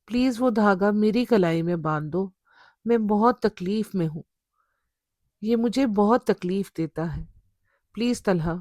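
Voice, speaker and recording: A woman's voice: mid-range voice, pauses often, a little mellow, no room sound, clean studio sound, close to an everyday voice. A woman voicing a tearful young woman possessed by a jinn, begging for help. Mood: pleading.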